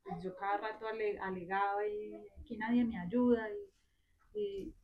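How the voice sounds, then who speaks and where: A woman's voice: medium pitch, expressive, normal speed, phone-quality sound. A woman, a mother, earnestly sharing a personal story about her children during a class discussion.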